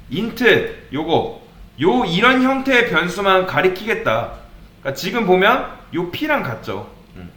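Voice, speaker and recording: A programming instructor teaches a coding lesson in an echoey room, putting questions to viewers and then answering them himself. His voice sits on the high side and sounds pushed and bright.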